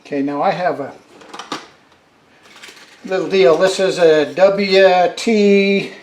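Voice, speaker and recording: This middle-aged man chats casually while demonstrating a repair, his delivery slow and halting and his voice high-pitched and steady. The camera over the workbench also catches the noise of the shop and the rain beating on its metal roof.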